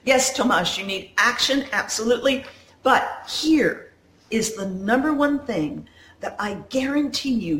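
A woman's voice: medium pitch, fairly bright tone. A woman coach hosting a live stream in natural, unscripted, conversational talk, addressing viewers directly, recorded indoors on a phone. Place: indoors at home in a condo. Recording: roomy, echoey sound.

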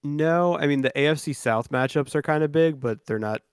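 A man's voice: on the high side, normal speed, clean tone, no room sound, studio quality. A man co-hosting a sports podcast in loose, casual chat, swearing freely and restarting his sentences often. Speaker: podcast co-host.

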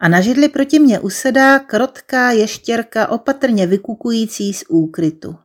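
Woman reading a wry first-person story. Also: fairly high pitch. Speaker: narrator.

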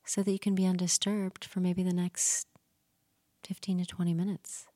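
A woman leading a guided relaxation and hypnosis session, speaking slowly and soothingly with gentle repetition and some soft whispered phrases. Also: lowish voice, flat delivery, no room sound, clean studio sound.

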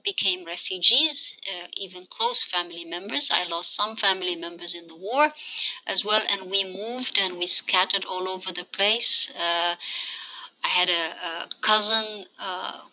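A woman's voice: medium pitch, unhurried, bright, forceful tone, a little hiss or hum, poor audio. A woman in her forties, raised in Egypt, speaking as an academic guest on a podcast in a thoughtful, hesitant way with many fillers. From Somalia, raised in Egypt. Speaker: guest, associate professor. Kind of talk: podcast interview.

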